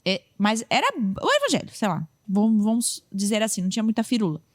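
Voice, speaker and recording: A woman's voice: medium pitch, fast. A young Brazilian woman, a podcast host and preacher, telling a story in casual chat and acting out what others said. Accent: Brazilian Portuguese. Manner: lively, acts out what others said.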